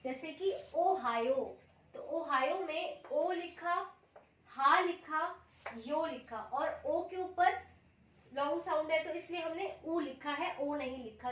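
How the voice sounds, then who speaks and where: A woman teaching a language lesson, explaining each rule step by step and patiently repeating the examples slowly. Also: sits high. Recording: echoey room, mic at a distance.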